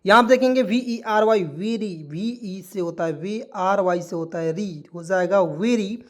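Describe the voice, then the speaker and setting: A man's voice: high-pitched, measured pace. A man teaching a beginner online lesson, spelling words out letter by letter, repeating each point and quizzing his listeners with rhetorical questions while calling them friends. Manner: keeps addressing listeners as friends.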